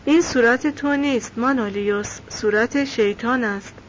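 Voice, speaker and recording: An anxious young villager pleading with his friend out of worry, read by a woman narrating a novel. His voice is a bit high. The recording is slightly dull, with faint background hiss. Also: natural voice. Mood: worried pleading.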